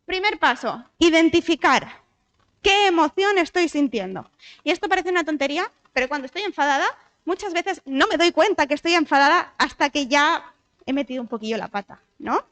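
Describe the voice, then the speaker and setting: A psychologist from Spain gives a conversational talk in a church hall, speaking in a high-pitched voice a little fast with a Spanish accent from Spain. She is lively, often poses questions to the audience, and uses frequent tag questions.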